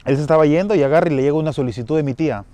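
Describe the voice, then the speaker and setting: A man's voice: on the high side, very fast, mellow, no echo. A man with a Peruvian Spanish accent casually recounting a family ghost story, rambling with restarts and tag questions. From Peru. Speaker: storyteller sharing a personal experience. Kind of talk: casual spoken anecdote.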